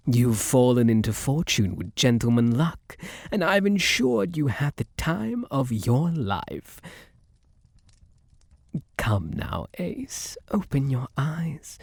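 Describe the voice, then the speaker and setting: A man's voice: mid-range voice, darkish tone, no echo, exaggerated voice. A man playing a suave, possessive luck spirit in an ASMR roleplay, flirtatious and theatrical, teasing and coaxing with pet names, close on the mic.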